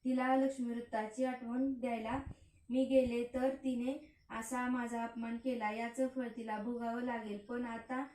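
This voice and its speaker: A woman's voice: fairly high pitch, little pitch movement, unhurried, mellow, slight background noise, close to an everyday voice. A woman voicing a wise old woman who scolds and consoles in an earnest storytelling voice. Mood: consoling. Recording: echoey room, voice from far off.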